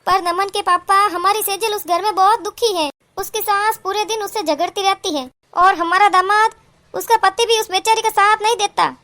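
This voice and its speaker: A woman's voice: extremely high pitch, steady tone, normal speed, pushed and bright. A woman voicing a middle-aged cartoon mother who dotes on her daughter and scolds her daughter's in-laws indignantly. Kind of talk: cartoon voice acting.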